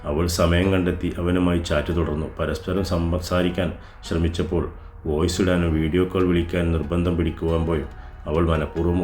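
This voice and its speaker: Guy with a deep low voice reading an audio story, roomy echo, soft music behind. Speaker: narrator.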